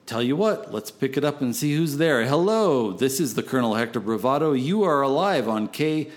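A man's voice: medium pitch, lively intonation, moderate pace. A man working as a late-night radio DJ, rambling between songs in a folksy, theatrical and profane way.

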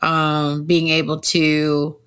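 A woman's voice: low-pitched, completely flat delivery, takes it slowly, fairly bright tone, clean tone. A young adult woman hosting a casual chat in an informal, conversational way. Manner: informal, peppered with "like". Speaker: podcast host.

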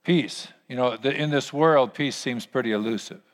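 Earnest male pastor preaching in a reverberant hall. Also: medium pitch. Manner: earnest, emphatic phrasing with pauses. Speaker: pastor leading a church service. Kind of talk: sermon. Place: large church hall.

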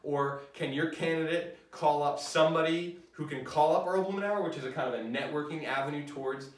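A man's voice: on the high side, brisk. Man lecturing in an echoey room. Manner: conversational, frequent fillers and restarts. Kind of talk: university lecture. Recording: roomy echo, mic at a distance.

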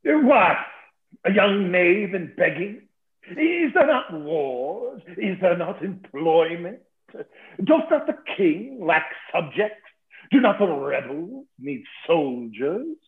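A man's voice: high voice, very animated, slow, heavily acted. A man playing a boastful, witty old knight, mocking and savoring his insults in a theatrical play reading. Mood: blustering. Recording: tinny phone-like sound in an echoey room.

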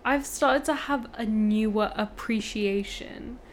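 A woman's voice: on the high side, slow, slight background noise. A woman from Punjab, an artist, chatting playfully and bluntly about art and taste. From Punjab, India. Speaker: artist, podcast guest. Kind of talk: casual chat.

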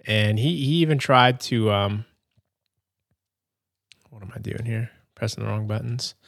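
A man hosting a podcast, talking casually and hesitantly while playing a game, with many pauses and restarts. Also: fairly low pitch, gravelly, a bit bright, dry recording, clean studio sound. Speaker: podcast host. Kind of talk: casual gameplay commentary.

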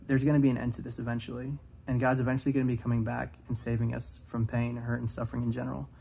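A man in his twenties, speaking as a student at a devotional, talks fast in a medium-pitched, level voice with vocal fry and a warm tone. He's earnest and casual, uses many "um"s, and reads scripture aloud over slight background noise.

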